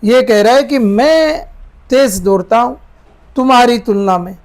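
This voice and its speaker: Very high-pitched and animated, this grammar teacher breaks English lessons into small steps, repeating each sentence slowly word by word. He addresses his students as "beta" and keeps checking that they follow.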